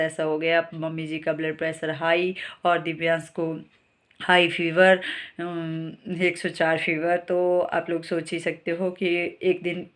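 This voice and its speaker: A woman vlogger in her thirties from Himachal Pradesh talks through a hard week at home. Her voice stays level and flat, with little rise and fall. She rambles and circles back, tired and worried. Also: on the low side. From Himachal Pradesh, India. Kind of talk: casual vlog talk.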